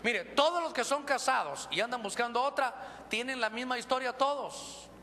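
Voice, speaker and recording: A male pastor with a Honduran accent, preaching a lively, joking sermon and calling listeners brother. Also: very high-pitched, normal speed. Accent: Honduran Spanish. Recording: reverberant church hall, faint noise.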